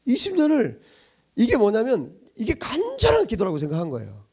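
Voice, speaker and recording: A man's voice: high-pitched, huge pitch swings, brisk, a little mellow, husky. A middle-aged man pastor giving a sermon in a conversational style, chuckling often and asking many rhetorical questions.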